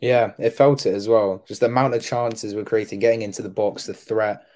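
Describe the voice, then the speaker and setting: A man with a low, flat voice co-hosts a football podcast and chats through a match review. He rambles and fills his talk with many "um"s and "yeah"s. His tone stays level with little rise and fall. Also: normal speed. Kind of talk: casual match review chat.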